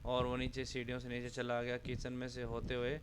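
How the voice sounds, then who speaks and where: A man who teaches English, reading textbook lines slowly and explaining each word's meaning. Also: mid-range voice, monotone, noisy background. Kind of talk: line-by-line textbook explanation mixing Hindi and English.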